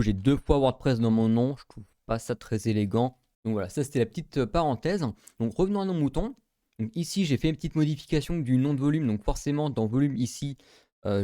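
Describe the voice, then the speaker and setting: A man's voice: medium pitch, mellow, no room sound, clean studio sound. A man, casually talking through a screen-recorded tech tutorial, with many fillers and thinking aloud.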